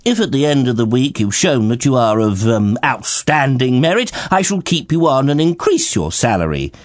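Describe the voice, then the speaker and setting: Man putting on a stuffy king voice, lots of um and uh, goes bossy, lively. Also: mid-range voice, moderate pace, no room sound, clean studio sound, natural voice. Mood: pompous. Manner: hesitant, hemming, then stern and authoritative. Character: gloomy, pompous middle-aged male king.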